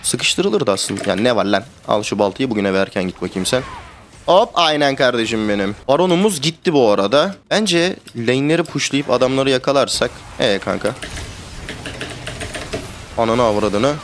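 A young man streaming a video game, talking to his teammates in casual live commentary that swings between calm planning and excited shouting and swearing. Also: mid-range voice, normal speed, a little hiss or hum. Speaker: gamer streamer.

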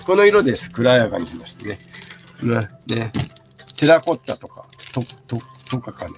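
A man's voice: mid-range voice, big pitch swings, normal speed, faint music behind. A man in his fifties selling bags on a casual live stream, chatting and answering viewer comments as he shows each item. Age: 50s.

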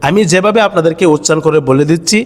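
A man teaching Arabic letter sounds to viewers, drawing out each syllable in a half-sung recitation and explaining briskly between drills. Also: a little high, long reverb tail. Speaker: Quran reading teacher.

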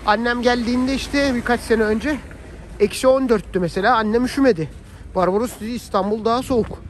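Speaking briskly in an extremely high pitch, this man chats in a colloquial, friendly way with his vlog audience. He's a family vlogger from Turkey, walking a snowy city street with his phone in hand, and light street noise comes through the outdoor recording.

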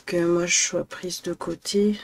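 A woman's voice: lowish voice, level tone, measured pace, creaky. A young woman from northern France chatting at home in a casual vlog, rambling and hesitant with many fillers. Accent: northern French. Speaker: vlogger. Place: apartment at home.

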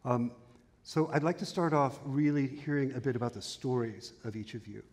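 Man, 50s, panel moderator, mid pitch, measured, halting fillers, headset mic, reverberant hall. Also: a little mellow. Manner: measured, with frequent fillers and restarts. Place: large conference hall stage.

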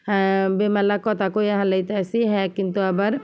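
Fast-chatting woman with a Barishal accent. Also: medium pitch, flat delivery, darkish tone. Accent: Barishal Bengali. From Bangladesh. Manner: chatty, addresses viewers directly. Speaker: vlogger. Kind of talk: casual home vlog chat.

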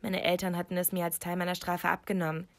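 A woman reading a scripted first-person story aloud, dramatic and emotive, her pitch rising sharply at tense moments. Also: flat delivery, quick pace.

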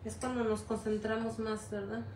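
A woman's voice: on the high side, flat delivery, moderate pace, background noise. A woman, teaching a live gelatin art class, chatting self-consciously and rambling with restarts. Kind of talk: live online class chat. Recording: roomy, off-mic with faint ambience.

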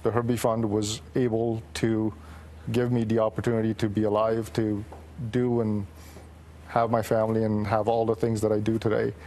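A man in his forties from Romania, a guest on a morning TV show, speaking earnestly with frequent pauses. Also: on the low side, a little hiss or hum. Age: 40s. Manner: steady, earnest, many pauses with um. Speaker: guest, former patient. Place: TV studio set.

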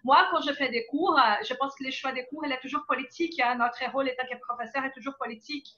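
A woman's voice: high-pitched, steady tone, fast, sharp tone. A woman professor talking earnestly on a video call panel about teaching. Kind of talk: video call round-table talk. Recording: dull lo-fi video call audio.

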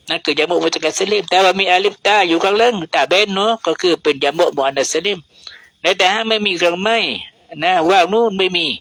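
Southern Thai male religious teacher, fairly high voice, patient lesson. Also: fairly bright tone, no echo, rough recording. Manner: patient, explains word by word, mixes languages. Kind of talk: Islamic grammar lesson.

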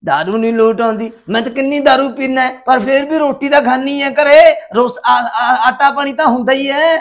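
A man's voice: extremely high pitch, fairly even intonation, a little fast, fairly bright tone. A man playing a drunken, quarrelsome husband who blusters and threatens his wife over dinner. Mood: angry. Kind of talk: village short-film acting.

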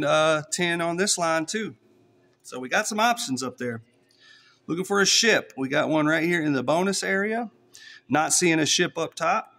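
East texas guy scratching tickets, chatty, kinda high voice, talking right to his followers. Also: a bit bright. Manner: chatty, talks straight to followers. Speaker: streamer scratching lottery tickets. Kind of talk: casual play-by-play vlog.

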